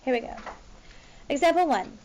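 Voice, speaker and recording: A woman's voice: high-pitched, animated, moderate pace, darkish tone, rough recording. A woman teacher talking to her class in an informal, directive way as she works through math examples. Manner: informal, directive, checking students follow along.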